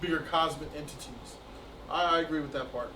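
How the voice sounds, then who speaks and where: Bright, high-voiced male host, echoey. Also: brisk. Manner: loose, slangy banter. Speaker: show host. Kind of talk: casual chat. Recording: echoey room, distant mic, faint noise.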